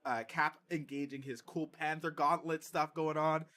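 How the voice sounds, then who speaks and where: A man's voice: a little high, flat delivery, moderate pace, pushed and bright. A man hosting a podcast, chatting casually with lots of fillers and frequent laughter. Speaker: podcast host. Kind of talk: casual chat.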